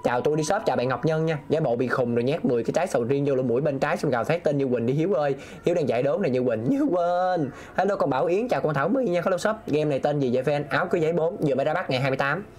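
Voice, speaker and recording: A man's voice: a little high, very fast, few pauses, a little mellow. A man streaming a game, talking himself through puzzles and reading viewers' messages aloud. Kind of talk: live gameplay commentary.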